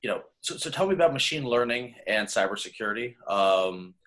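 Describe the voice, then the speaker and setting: A man hosting a casual interview, eager and halting, with lots of fillers as he asks questions. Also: on the low side, expressive, a bit bright. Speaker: interviewer, host.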